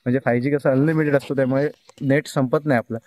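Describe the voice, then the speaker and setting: A man's voice: mid-range voice, steady tone, quick pace, darkish tone. A young man from the coast, chatting casually to viewers as he films from a village hilltop at evening on his phone. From Konkan, India. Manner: chatty, explains the view, calls out to animals and kids. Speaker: village vlogger. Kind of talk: casual vlog talk to viewers. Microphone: phone camera held while filming.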